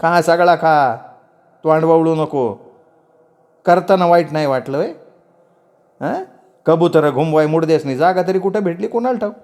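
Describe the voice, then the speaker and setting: A man's voice: on the high side, unhurried, pauses often, darkish tone, pitched above the performer's own voice. A man voicing a middle-aged village aunt who scolds harshly in rustic dialect. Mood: furious scolding.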